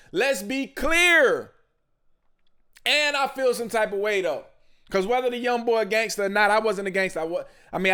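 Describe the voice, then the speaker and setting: High, smooth-voiced man ranting bluntly. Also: a bit bright. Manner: blunt, emphatic, street slang. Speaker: podcast host. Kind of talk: casual commentary.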